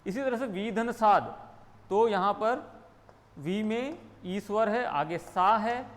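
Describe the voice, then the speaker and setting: A man with a Rajasthani accent teaches grammar in a high voice. He walks through each rule step by step, posing questions and answering them himself. His voice carries a long, reverberant echo. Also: slight background noise. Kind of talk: Hindi grammar lesson.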